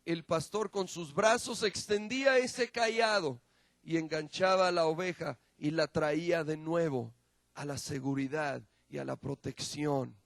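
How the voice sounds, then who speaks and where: Impassioned high-voiced male preacher. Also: no echo. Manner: impassioned preaching, dramatic swings from loud to hushed; slow, drawn-out emphasis on key words. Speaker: pastor. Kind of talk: sermon.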